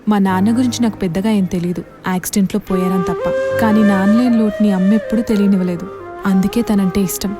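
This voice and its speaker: A woman's voice: mid-range voice, steady tone, fast talker, close to an everyday voice. An actress playing an earnest young woman who talks heartfeltly about her family. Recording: film soundtrack with music.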